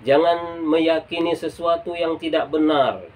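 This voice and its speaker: A man's voice: a little high, a little slow, darkish tone. A man preaching to a congregation, emphatic and didactic as he explains a point. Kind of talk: lecture to a congregation.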